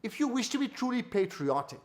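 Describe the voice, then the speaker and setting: A man's voice: very high-pitched, big pitch swings, a little fast. A man giving a motivational masterclass. He repeats key phrases for emphasis and asks rhetorical questions. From South Africa. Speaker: company founder giving a masterclass.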